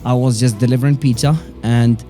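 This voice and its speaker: This interview guest, a business owner in his forties, grew up speaking Arabic and French and has a Moroccan accent. He relates personal stories in a relaxed way, his mid-range voice dark in tone, fairly even in intonation and a little fast. Faint music sits in the background.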